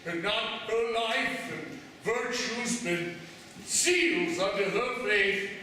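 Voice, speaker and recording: A man's voice: high voice, animated, slow pace, sharp tone, exaggerated voice. An actor playing a pompous, scheming courtier father in classical verse drama, with a theatrical, declamatory delivery. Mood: indignant scolding. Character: pompous scheming father, a fawning courtier pressing his daughter. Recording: echoey hall, distant mic, faint noise.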